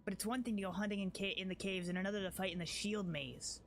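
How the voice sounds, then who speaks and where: Grim proud tracker woman from a fantasy game, pitched up a bit, a guy reading her lines aloud, faint hiss behind. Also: steady tone, fast, vocal fry, fairly bright tone. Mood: urgent. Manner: grim, urgent, dismissive.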